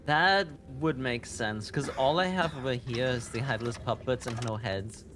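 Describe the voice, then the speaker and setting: A man playing a puzzle game with a partner, answering briefly and calmly in casual chat. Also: mid-range voice, normal speed, background noise.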